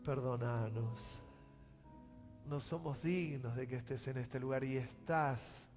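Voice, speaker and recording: A pastor with a Rioplatense Spanish accent preaching a sermon, swinging from loud outbursts to hushed, slow pleading. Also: male voice, medium pitch, fairly even intonation. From Argentina. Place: church sanctuary. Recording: church hall reverb with music.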